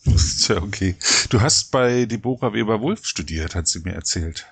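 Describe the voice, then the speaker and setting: A man's voice: on the low side, expressive, normal speed, vocal fry, slightly rough. A man hosting a podcast, putting questions to his guest in a casual, conversational way. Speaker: podcast host. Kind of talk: casual interview.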